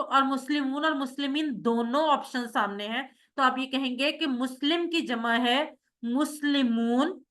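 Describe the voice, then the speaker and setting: A woman's voice: high-pitched, pushed and bright. A woman teaching Arabic grammar in an online class, explaining patiently step by step and calling on students.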